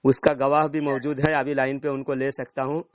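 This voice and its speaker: A man's voice: mid-range voice, level tone, dry recording. Guy arguing on a call, keeps repeating himself, dry sound. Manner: insistent, repeats himself, pressing. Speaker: debating cleric. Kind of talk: heated phone debate. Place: in front of an audience.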